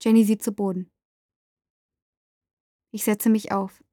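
A woman narrating a first-person story aloud, dramatic and rising to shouts in the dialogue. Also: mid-range voice, little pitch movement, takes it slowly, no room sound, studio quality.

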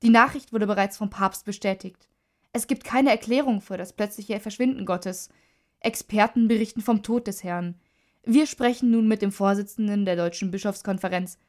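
A woman's voice: medium pitch, moderate pace, lightly acted. A woman voicing a radio newsreader who reads formally. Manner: formal news reading.

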